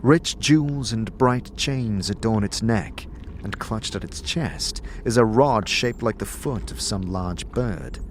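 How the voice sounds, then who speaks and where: Slow and on the low side, a man's voice carries a fantasy audio drama, where he serves as narrator and a game character. His delivery is descriptive and dramatic, with shifting emphasis, and slight background noise can be heard.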